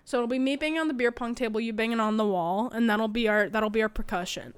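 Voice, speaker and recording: A woman chatting casually, playful and quick to laugh, directing the others. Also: a little high, clean tone, dry recording. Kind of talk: casual chat.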